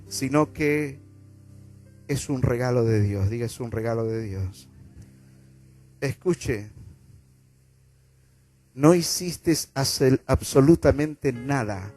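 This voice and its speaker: A man's voice: mid-range voice, a little mellow. A man with an Argentine accent preaching a sermon as pastor, repeating phrases and having the congregation say them back. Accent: Argentine Spanish. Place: church auditorium.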